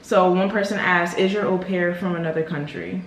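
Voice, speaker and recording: A woman's voice: lowish voice, steady tone, moderate pace. An American woman hosting a casual Q&A vlog, speaking frankly and emphatically. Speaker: vlog host. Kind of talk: casual couple Q&A chat. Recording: roomy echo with clear background noise.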